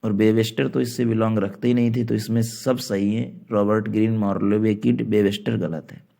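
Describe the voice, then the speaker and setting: A man teaching an exam-prep literature lesson, speaking slowly, repeating points and spelling out words letter by letter. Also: fairly low pitch, level tone, vocal fry, mellow. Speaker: coaching teacher.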